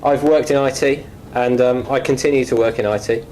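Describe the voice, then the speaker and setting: A man with a British accent, a guest on a mock chat show, talking in a hesitant, wry way with many pauses. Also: mid-range voice, fairly even intonation, a little mellow, a little hiss or hum, poor audio. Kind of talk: casual chat. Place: office.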